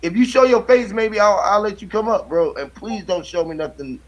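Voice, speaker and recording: A man's voice: high voice, a little fast, highs cut off. A middle-aged man streaming late at night, telling loose, profane stories and laughing often. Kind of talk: late-night casual chat.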